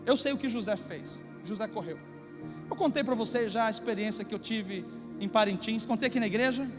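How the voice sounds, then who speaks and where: A man's voice: high voice, brisk. A man with a Brazilian Portuguese accent preaching a sermon in a church, telling a story and acting out its scenes. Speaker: pastor. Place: church sanctuary. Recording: reverberant church hall with faint music.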